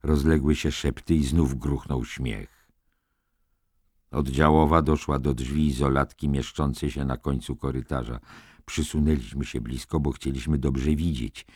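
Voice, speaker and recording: Very deep-voiced male audiobook narrator. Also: fairly even intonation, unhurried, a little mellow, husky, dry recording, studio quality. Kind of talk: audiobook reading of a novel.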